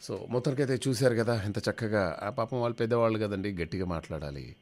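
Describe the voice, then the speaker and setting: A man's voice: fairly low pitch, fast talker, a little mellow. A man hosting a radio show, affirming and encouraging a caller and then telling comic stories. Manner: friendly, affirming. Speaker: radio host. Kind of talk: radio phone-in and comic storytelling.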